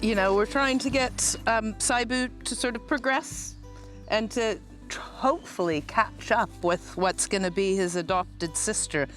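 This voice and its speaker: A woman who works at an animal park, speaking informally and a little haltingly in a documentary interview. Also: mid-range voice, fairly bright tone, faint music behind. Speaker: animal park staff leader.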